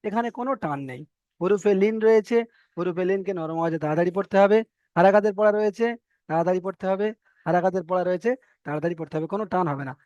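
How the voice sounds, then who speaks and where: A man teaching an online reading class, sounding out letters slowly and repeating them for his students. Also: sits high, darkish tone, no echo. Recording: dry, slightly muffled online class audio.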